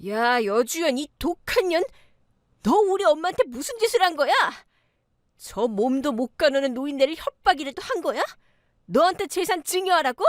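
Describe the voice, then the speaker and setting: A woman voicing a furious, bullying middle-aged sister-in-law who yells shrill insults in a storybook radio tale. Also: lively intonation, normal speed, dry recording, clean studio sound.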